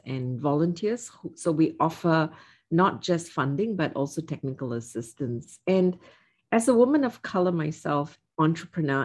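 A woman in her fifties from Singapore, speaking as an interview guest in a measured, reflective way with frequent "um" fillers. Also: low-pitched, a little mellow. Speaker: guest, investor. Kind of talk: casual interview.

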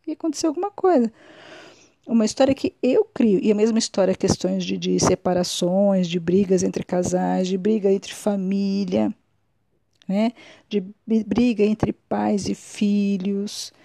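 A woman's voice: medium pitch, vocal fry, dark tone, no echo. A woman hosting a podcast. She gives a reflective solo monologue, musing and often restarting or correcting herself. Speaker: podcast host.

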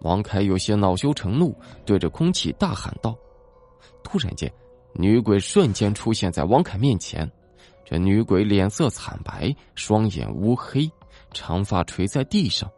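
A man narrating a ghost story in a dramatic, expressive way. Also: lowish voice, a little slow. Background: soft background music.

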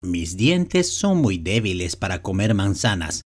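A man voicing a weary old man in a read-aloud storybook, talking slowly and heavily. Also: sits low, sing-song, pitched below the performer's own voice, exaggerated voice. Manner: slow, tired, heavy.

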